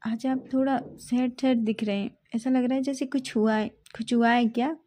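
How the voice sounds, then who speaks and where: A woman voicing a quiet young man who gently asks his elder brother what is wrong in a storybook romance. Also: a little high, steady tone, moderate pace, natural voice. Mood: concerned.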